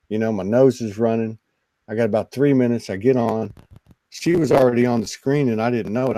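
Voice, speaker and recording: A man, a guest on a spiritual talk show, telling a personal story in an earnest, emotional, halting way. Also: on the low side, vocal fry, dark tone, no room sound, rough recording. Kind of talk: personal storytelling in casual conversation.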